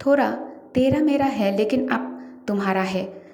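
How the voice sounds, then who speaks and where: A woman's voice: a little high, a little slow, darkish tone, soft background music. A woman voicing a gossipy, sarcastic male guard who teases and pries, read in an echoey room. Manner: sarcastic, nosy. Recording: roomy echo.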